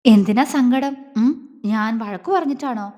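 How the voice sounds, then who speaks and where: A woman voicing a protective young husband, gruff yet tender, in an audio love story. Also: fairly high pitch, moderate pace, dark tone, long reverb tail, natural voice. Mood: gentle.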